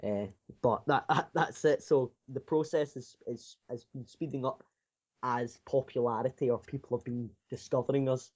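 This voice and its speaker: A man's voice: medium pitch, steady tone, moderate pace, darkish tone, slightly rough, lo-fi sound. A sixteen-year-old male game developer giving casual, unscripted interview answers, rambling and often repeating his phrases. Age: 16, teenager. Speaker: self-taught indie game developer being interviewed.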